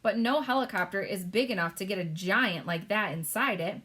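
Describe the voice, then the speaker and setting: A woman's voice: mid-range voice, normal speed, a bit bright, close to an everyday voice. A woman playing a proud, huffy air force commander in a storybook read-aloud. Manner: huffy, indignant. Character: proud, testy male air force chief.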